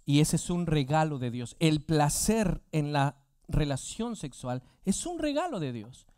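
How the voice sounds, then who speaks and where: Smooth-voiced male pastor preaching. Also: a little high, sing-song, measured pace, a little mellow, no room sound, clean studio sound. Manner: rhetorical questions to the congregation. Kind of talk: sermon.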